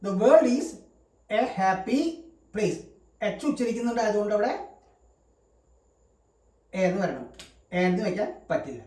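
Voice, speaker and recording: A man's voice: high voice, sing-song, a little slow, long pauses, darkish tone. A male English grammar teacher giving a lesson, explaining step by step and repeating example words. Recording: roomy sound from a distant mic.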